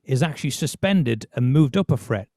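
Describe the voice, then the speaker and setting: A man's voice: medium pitch, lively intonation, normal speed. A man hosting a podcast, talking casually about music with many restarts. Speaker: podcast host.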